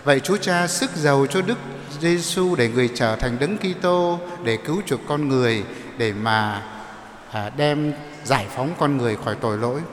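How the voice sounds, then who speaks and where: Priest preaching in an echoey church. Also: male voice, mid-range voice, animated, moderate pace, a little hiss or hum. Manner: explanatory, asks the congregation questions. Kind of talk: sermon. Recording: echoey church with long reverb.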